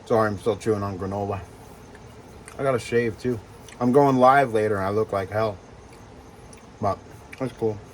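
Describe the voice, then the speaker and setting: A man who breeds reptiles talks casually in a vlog while handling geckos, with lots of fillers and soft reassurances to the animals. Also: on the low side, moderate pace, pauses often, a little hiss or hum. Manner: rambling, filler-heavy, coos softly to the geckos.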